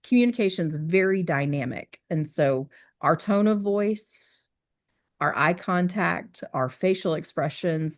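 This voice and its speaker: A woman leads a wellness discussion in a lowish voice. She explains patiently and earnestly, and she often pauses to check that her listeners follow. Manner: earnest, explanatory, frequent "right?" check-ins. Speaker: wellness team presenter. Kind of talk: teaching discussion.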